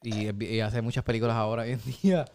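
A man's voice: on the low side, fairly even intonation, fast, a little mellow, clean tone. A man, chatting on a podcast and acting out movie scenes while laughing. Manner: retells movie scenes, acts out lines, laughs a lot. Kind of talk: casual podcast chat.

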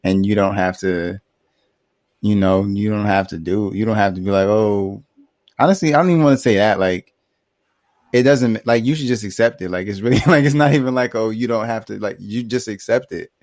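Low-voiced man rambling on a podcast. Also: brisk, darkish tone, no echo. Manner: loose, rambling, frequent "like" fillers and laughs. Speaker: podcast co-host. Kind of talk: casual discussion.

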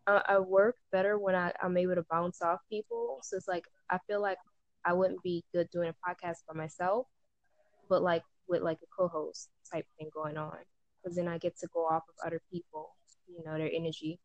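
A woman's voice: lowish voice, flat delivery, normal speed, no room sound, lo-fi sound. A young woman in casual chat about starting a podcast, laughing often and filling her talk with "like". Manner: chatty, laughs often, lots of "like". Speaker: aspiring podcaster.

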